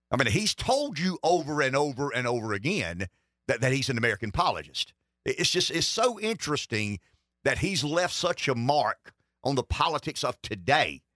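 A man's voice: medium pitch, very animated, normal speed, sharp tone, dry recording, studio quality. A man hosting a political talk radio show, giving opinionated commentary and often repeating words as he starts a thought.

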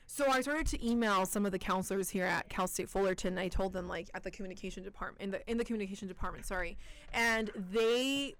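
Woman, 20s, interview guest; animated, emphatic storyteller with a smooth voice. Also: mid-range voice, fast talker. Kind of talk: casual interview.

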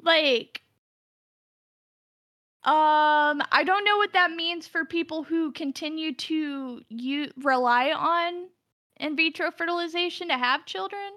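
Woman, podcast co-host, high pitch, bright tone, rambling casual chat. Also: slow pace, dry recording, clean studio sound. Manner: rambling, full of fillers and restarts.

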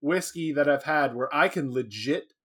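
A man co-hosting a podcast in casual chat, animated and laughing often. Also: on the high side, normal speed, slightly rough. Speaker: podcast co-host.

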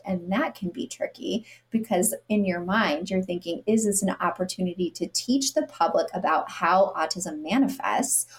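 A middle-aged woman, a guest on a podcast interview, talking earnestly in a storytelling way and sometimes acting out what people said with a sarcastic edge. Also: medium pitch. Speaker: guest, nonprofit CEO.

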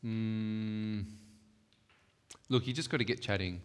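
A man's voice: on the low side, steady tone, takes it slowly, smooth. A man teaches a church workshop in a casual, emphatic way, often stopping to check in with his listeners. His voice carries a long reverb from a hall. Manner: conversational, emphatic, with rhetorical check-ins. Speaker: workshop speaker.

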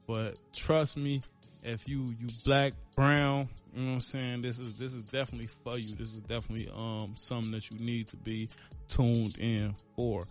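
A man hosting his own podcast, talking casually in a rambling, laid-back way with lots of fillers and slang, a little out of breath. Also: medium pitch. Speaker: podcast host. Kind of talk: casual solo podcast outro.

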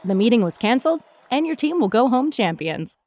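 A female sideline reporter in a radio ad, with a highish, lively voice. She puts her questions with earnest sportscast excitement. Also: a little fast, no room sound. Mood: earnest, excited. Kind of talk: scripted ad interview.

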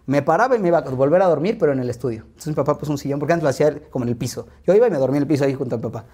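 Mexican guy in his 30s rattling off stories in an interview, quick and lively, kinda dark mellow voice. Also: on the high side, slightly rough. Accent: Mexican Spanish. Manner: lively, quick anecdotes with frequent asides. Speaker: interview guest. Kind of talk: relaxed interview storytelling.

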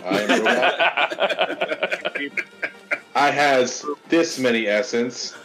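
Male player doing a robot voice: clunky, broken grammar, pitch leaping up and down. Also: big pitch swings, measured pace, fairly bright tone, faint music behind. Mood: mock robotic. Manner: choppy, clipped robot speech with broken grammar. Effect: mock robot voice, no filter. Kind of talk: mocking another player at a tabletop game.

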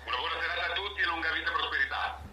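A man calling in on speakerphone, giving a measured on-air review and pausing to search for words. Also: on the high side, crowd noise. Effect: on speakerphone over the phone. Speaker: caller to a fan podcast. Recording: echoey speakerphone phone call.

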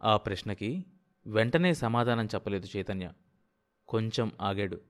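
A man narrating a short story in a steady, unhurried reading voice. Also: lowish voice.

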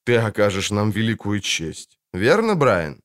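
A man reading an audiobook voices a gruff, impatient and sarcastic male monster hunter, close to his own voice. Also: on the low side, very animated, a little slow.

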